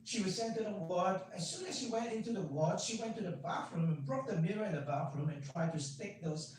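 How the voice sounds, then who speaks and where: A male doctor tells a patient's story with animated delivery, dropping quiet for the key points. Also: sits high, a little fast. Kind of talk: storytelling talk. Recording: echoey, distant, faint hum.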